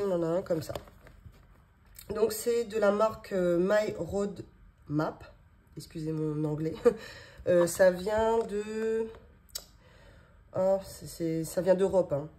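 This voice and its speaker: A woman in her thirties talks chattily at her home desk, full of fillers and little laughs. Her voice sits a bit low and mellow. A faint hiss runs underneath. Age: 30s. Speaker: budgeting vlogger. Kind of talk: casual show-and-tell vlog. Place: home office desk, indoors.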